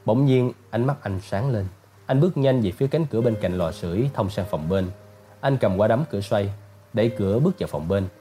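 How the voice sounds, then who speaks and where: A male narrator reading an audiobook in a steady, even storytelling voice. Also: lowish voice.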